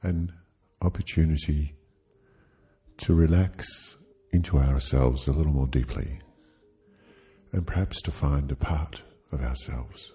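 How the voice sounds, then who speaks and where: Soothing and gentle, a husky-voiced bass speaker takes listeners through sleep hypnosis. He uses short, faltering phrases and leaves long pauses.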